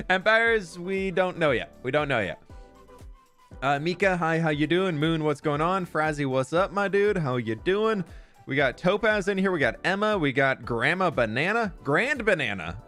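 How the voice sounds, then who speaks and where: A man's voice: a little high, big pitch swings, measured pace, a bit bright, faint music behind. A young man live-streaming from a room at home, chatting casually and greeting viewers by name. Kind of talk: casual live-stream chat while gaming.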